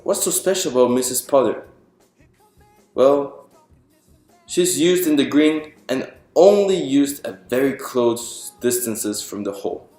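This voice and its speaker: This mid-range male voice has a darkish tone as he reads a picture book aloud. He explains the story, asking his listeners questions and then answering them. Music plays behind a roomy echo.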